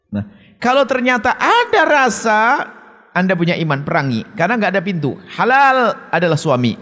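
Stern high-voiced preacher, echoing hall. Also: male voice. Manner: emphatic and stern, with sharp swings of pitch. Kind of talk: sermon answering a question from the audience.

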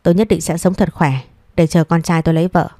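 A woman's voice: lowish voice, flat delivery, fast, mellow, dry recording, studio quality, natural voice. A woman voicing a domineering, scornful older mother in an audio story, speaking in a scolding tone. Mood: resentful. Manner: scolding, contemptuous.

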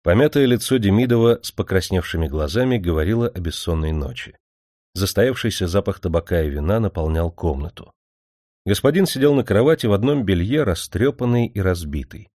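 A man narrating a novel as an audiobook in a steady storytelling manner. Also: deep voice, no room sound, studio quality.

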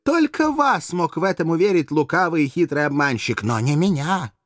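Мужчина озвучивает молодую коварную куртизанку, театрально, с мольбой и надрывом, в аудиокниге. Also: male voice, moderate pace, mellow, no room sound, clean studio sound, lightly acted. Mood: impassioned. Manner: shrill, pleading, theatrical. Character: scheming young female courtesan, passionate, manipulative. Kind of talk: audiobook character voice.

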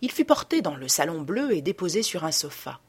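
A woman narrating a classic novel as an audiobook, in an expressive storytelling manner. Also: low voice, fairly quick, husky. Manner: expressive storytelling, hushed tags. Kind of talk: scripted narration.

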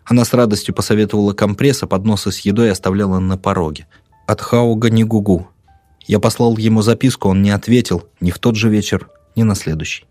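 A man narrating a first-person mystery story in a tense, measured way. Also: lowish voice, steady tone, a little mellow, dry recording. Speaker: audiobook narrator.

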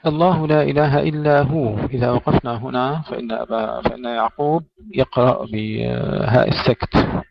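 A man's voice: mid-range voice, steady tone, vocal fry. Man teaching Quran recitation, dull recording. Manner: recites verses slowly, then explains rules in quick plain speech. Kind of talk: tajweed lesson, reciting and explaining.

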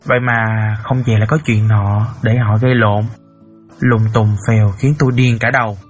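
In this audiobook role, an actor voices a middle-aged father sincerely relating a painful tale and crying out emotionally. His voice sits on the low side, close to everyday speech, with a steady tone at normal speed over soft background music.

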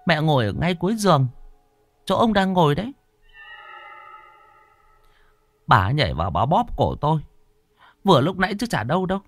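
A man voicing a frightened middle-aged village wife, high and quick in a fussing way. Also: sing-song, no room sound. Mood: insistent.

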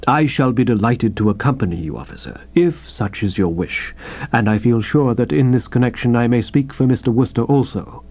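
A man voicing an unflappable, formal valet who speaks smoothly and deferentially. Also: mid-range voice, animated, moderate pace. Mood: composed. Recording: dull, dry studio recording.

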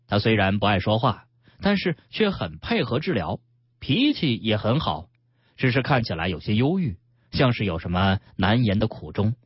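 A man, hosting a radio health show and reading a story aloud with calm, expressive storytelling. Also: mid-range voice, slightly rough, no room sound. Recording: dull radio broadcast.

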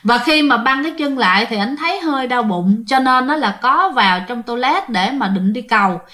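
A woman with a Southern Vietnamese accent tells her listeners a ghost story, animated and packed with quoted dialogue. Her pitch is fairly high and her pace normal.

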